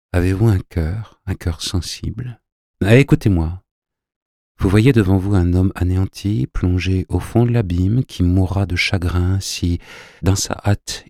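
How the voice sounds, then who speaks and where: A man reading aloud voices a solemn, self-important suitor who speaks gravely and with reproach. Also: low voice, warm tone, no room sound, clean studio sound.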